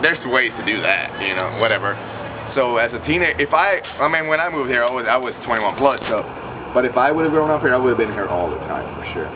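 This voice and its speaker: Swearing Swedish-accented young man. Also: mid-range voice. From Sweden. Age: 20s. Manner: rambling and heavily profane, smoking while talking. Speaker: punk band member. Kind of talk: casual interview chat. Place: outdoors at night by a street venue. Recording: tinny lo-fi recording with loud street noise.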